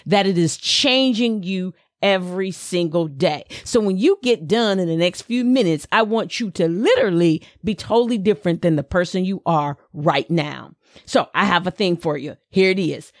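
A woman's voice: mid-range voice, no echo, studio quality. A middle-aged woman with a Southern US accent hosting a motivational podcast, enthusiastic and preachy, repeating phrases for emphasis. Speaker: podcast host.

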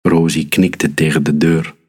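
A man reading a children's story aloud, calm and unhurried. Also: very deep voice, slightly rough.

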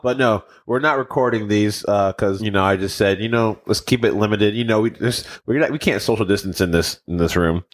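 A young man with a fairly low voice chats casually as a podcast co-host, rambling from one thought to the next. He stumbles, restarts and pokes fun at himself as he goes, recorded in a small home office room. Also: fairly quick, hardly any pauses. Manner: rambling, self-deprecating, stammers and restarts. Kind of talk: casual chat.

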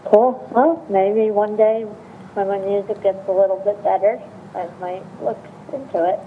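A woman phones into a radio show and chats politely, pausing and hesitating now and then. Her pitch sits in a middle range. A faint noise runs under her voice. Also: fairly even intonation, narrow, tinny audio. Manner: hesitant, polite, uses uh fillers. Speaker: caller. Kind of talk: phone-in chat.

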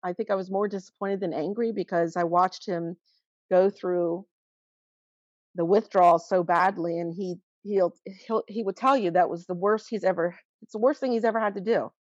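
A woman in her forties, a mother telling her son's story as an interview guest, earnest and halting with frequent restarts. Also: fairly low pitch, steady tone, darkish tone, dry recording, muffled recording. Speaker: guest, mother of a teen who vaped. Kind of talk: emotional personal account in interview.

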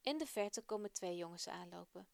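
A woman presenting a children's radio program, reading a story aloud in a friendly, expressive way. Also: fairly low pitch, moderate pace, gravelly, dry recording.

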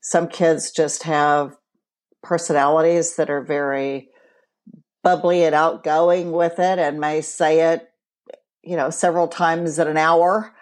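A woman in her forties, co-hosting a podcast and explaining things in a measured way from her counseling work. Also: sits low, level tone. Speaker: podcast co-host and co-parenting counselor. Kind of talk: casual podcast chat.

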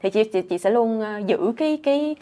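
A woman's voice: on the high side, lively intonation, a little fast, mellow. A young woman with a southern Vietnamese accent chatting casually as a guest, emphatic and repeating words as she explains. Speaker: guest, stand-up comedian. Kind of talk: casual chat.

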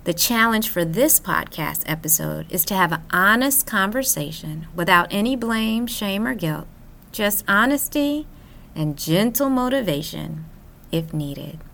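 A woman hosting a wellness podcast, guiding gently in a soft, soothing, measured voice. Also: medium pitch, lively intonation, vocal fry, slight background noise. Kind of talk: guided breathing and gentle self-care podcast narration. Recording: new-age music behind the voice.

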